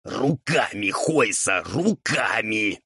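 A man's voice: lowish voice, lively intonation, slow pace, gravelly, bright, forceful tone, slightly rough, dry recording, studio quality, heavily acted. A man voicing a fussy, irritable male ghoul cook who hisses and scolds in a strained, altered timbre. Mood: scolding. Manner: scolding, bossy.

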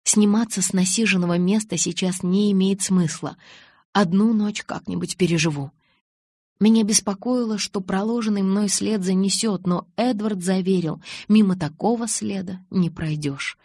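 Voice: medium pitch, normal speed, dark tone, no echo. A reader narrating a novel audiobook in first person, scripted.

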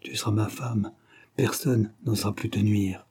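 A man voicing a tender, anxious young man in love, speaking in a soft murmur. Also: medium pitch, moderate pace, husky, natural voice.

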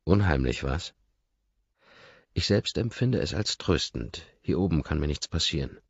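Very deep-voiced male audiobook narrator. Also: vocal fry, husky, dry recording, lo-fi sound. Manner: calm, measured reading, dropping to a murmur. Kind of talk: scripted first-person narration.

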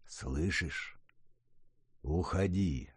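A man voicing a menacing father who hisses his words slowly and deliberately. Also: breathy edge, no room sound, exaggerated voice. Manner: low hissing, slow and deliberate. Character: cold, menacing father protecting his son.

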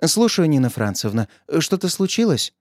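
A man putting on a worried wife with a high, sharp voice, quick to accuse and scold. Her pitch leaps up when she is upset. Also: sing-song, dry recording, clean studio sound. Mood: anxious.

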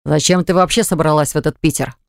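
Man doing stubborn young man, low voice, slow, persuasive, smooth, dry studio sound. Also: dry recording. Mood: insistent. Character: stubborn insistent young man, future father. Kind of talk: audiobook character voice. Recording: dry close studio recording.

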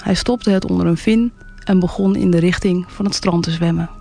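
Gentle, gravelly storyteller. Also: medium pitch, fairly even intonation, a little fast, soft background music. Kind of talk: calm storybook narration on radio.

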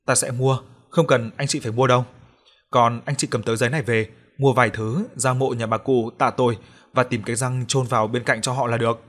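A man voicing a calm, authoritative female village shaman giving instructions in a spoken folk tale. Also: mid-range voice, fairly quick, close to an everyday voice. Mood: instructing.

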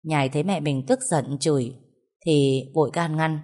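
A woman reading a scripted family story in a steady, even narrating voice. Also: low-pitched, moderate pace.

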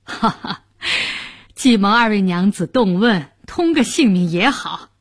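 A woman storyteller voicing a big, frank, generous red-faced man who speaks loudly and laughs easily in a traditional storytelling performance. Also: animated, a little slow, slightly rough, no echo, clean studio sound. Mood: hearty. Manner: booming, laughing, open-handed.

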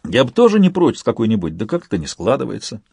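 A man's voice: medium pitch, wildly swooping pitch, fast talker, vocal fry, darkish tone, slightly rough, no room sound, exaggerated voice. Joking young soldier, voiced by a male narrator; hearty and talkative. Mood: cheerful. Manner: hearty and chatty.

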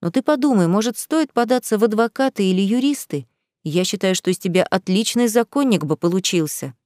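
Gruff male boss figure, read by a woman, grumbling and blunt, dry close sound. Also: medium pitch, expressive, brisk, a little mellow, no room sound, close to an everyday voice. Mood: stern. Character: gruff middle-aged male police boss.

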